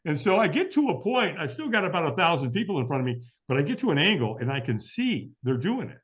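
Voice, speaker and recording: A middle-aged man is a guest on an interview show, telling a story with lots of energy and playing out what people said to him. His voice sits a little high and swings up and down a lot. The recording sounds dull and lo-fi. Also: sing-song, fast talker. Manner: vivid, acts out quoted dialogue, laughs often. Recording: dull lo-fi audio.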